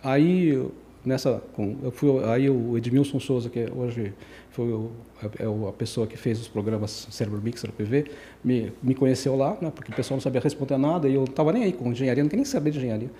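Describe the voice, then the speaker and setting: Speaking briskly in a warm, mid-range voice, the sixty-something guest engineer raised in Brazil rambles through his life story on a casual podcast, fixing his words as he goes. A little hiss or hum sits in the recording.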